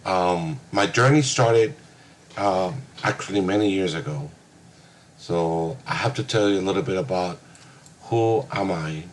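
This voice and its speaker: A man's voice: low-pitched, unhurried, slight background noise. A man in his fifties from Hawaii, giving a recorded class reflection with many hesitant filler sounds. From United States (Hawaii). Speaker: graduate student.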